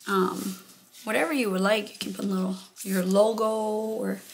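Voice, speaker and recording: A woman hosting a craft video, explaining each step in a relaxed, thinking-aloud way and a bit out of breath. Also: mid-range voice, normal speed, creaky, slight background noise. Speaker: crafting channel host. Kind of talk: casual how-to narration.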